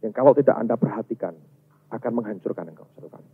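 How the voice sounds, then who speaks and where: A man preaching a sermon as a pastor, emphatic and swinging from loud to soft. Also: lowish voice, quick pace, slightly rough. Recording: tinny, phone-like sound.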